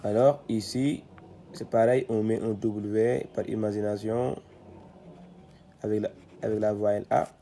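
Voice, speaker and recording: Homme à la voix grave et posée, débit lent. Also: male voice, fairly low pitch, measured pace. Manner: sounds out syllables loudly, then explains calmly with many hesitations. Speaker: Quran reading teacher. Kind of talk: slow syllable-by-syllable reading lesson.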